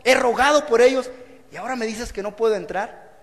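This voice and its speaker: A man's voice: very high-pitched, fairly quick, big-room sound. A pastor acting out an exhausted old leader protesting that he has been denied his reward. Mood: indignant. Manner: protesting, pleading. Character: exasperated old male leader, worn out and indignant.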